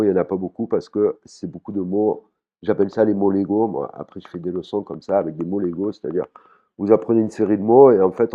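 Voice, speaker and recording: A man teaching a language lesson in a relaxed way, with frequent fillers, restarts and repeated words. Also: deep voice, phone-quality sound. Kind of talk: casual spoken lesson.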